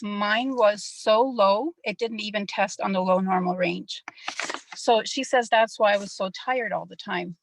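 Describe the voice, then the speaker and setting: A woman's voice: mid-range voice, no room sound, poor audio. A middle-aged woman, somewhat nervous, giving a personal testimonial on a group call.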